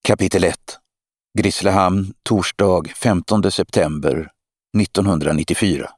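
A man reading an audiobook in a measured, steady narration. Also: low-pitched, no echo, clean studio sound. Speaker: audiobook reader. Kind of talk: scripted narration.

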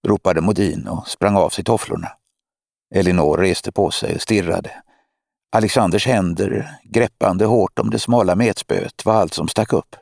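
A man reading an audiobook in a measured, steady narration. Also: deep voice, gravelly, dry recording, studio quality. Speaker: audiobook reader. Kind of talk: scripted narration.

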